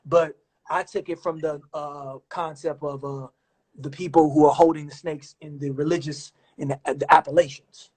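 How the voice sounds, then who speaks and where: A man's voice: on the high side, steady tone, moderate pace, a little mellow, husky. A man hosting a live stream from his phone, chatting casually with callers and calling them brother. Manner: laid-back, says man and my brother often.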